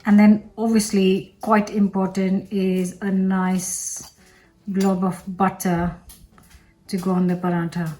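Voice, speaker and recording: A cooking show host with a medium-pitched, mellow, fairly flat voice chats casually to camera in her kitchen, taking her time. She gushes enthusiastically over the food while faint music plays behind her.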